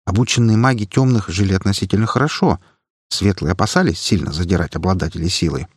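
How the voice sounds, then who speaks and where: A man reads the story aloud at a steady storytelling pace. His voice is low and husky. The recording is dry and close. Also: fast talker, dry recording. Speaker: audiobook narrator. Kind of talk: scripted narration.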